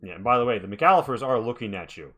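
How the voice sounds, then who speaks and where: A man's voice: medium pitch, expressive, fast, fairly bright tone. A man working as game master, narrating a tabletop game in a casual, improvised and hesitant way.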